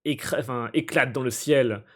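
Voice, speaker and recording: Male streamer, mid-range voice, translating a game on the fly: halting, hesitant, quick to laugh. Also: mid-range voice, breathy edge. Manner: halting and hesitant, stumbling over words while translating; amused, often breaking into laughter. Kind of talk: live let's-play, translating on-screen game text aloud.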